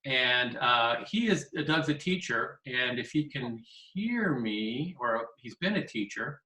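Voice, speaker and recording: A man hosting a video call meeting, talking haltingly with many fillers. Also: medium pitch, lively intonation, bright, forceful tone, far from the mic. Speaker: meeting host. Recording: roomy video call audio.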